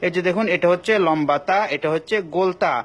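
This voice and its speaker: A man with a Bangladeshi Bengali accent teaching Quran recitation rules in a recorded class, patient and repeating each point, with slow chanted examples. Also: high-pitched.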